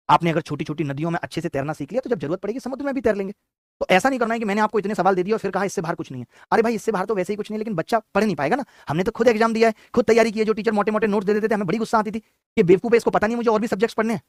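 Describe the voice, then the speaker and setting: A young man runs a live online math class, talking at a breakneck clip and urging students on. His voice sits high for a man. It is recorded dry and close, with no room sound. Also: no echo. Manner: rapid, exhortative lecturing. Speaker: math teacher.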